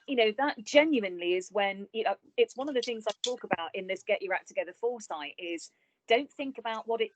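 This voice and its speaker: A woman's voice: medium pitch, no room sound, rough recording. A woman business coach on a video call, giving chatty, encouraging, practical advice.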